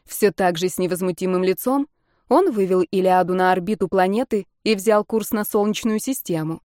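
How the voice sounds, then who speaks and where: A woman giving measured, expressive first-person audiobook narration. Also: medium pitch, no room sound, studio quality.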